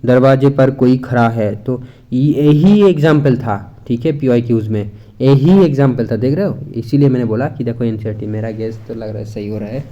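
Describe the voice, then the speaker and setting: A man's voice: mid-range voice, warm tone, dull audio. A man teaching an exam-prep grammar lesson in a chatty way, repeating points and mixing in English words.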